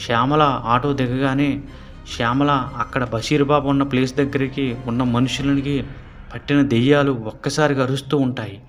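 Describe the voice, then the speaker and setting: A man narrating a horror story in a steady storytelling manner. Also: medium pitch, moderate pace, soft background music.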